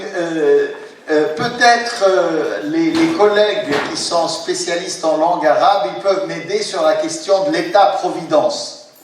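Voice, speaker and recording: A man in his sixties giving a university lecture, hesitant, with many fillers and restarts as he explains. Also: fairly high pitch. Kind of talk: academic conference lecture. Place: lecture hall, indoors. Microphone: distant room mic. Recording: very echoey hall from far off, faint noise.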